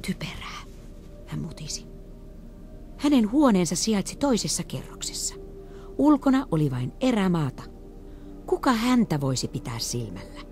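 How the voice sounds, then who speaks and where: A woman reading an audiobook story aloud with lively, expressive intonation. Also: medium pitch, faint music behind. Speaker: audiobook reader. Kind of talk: scripted narration.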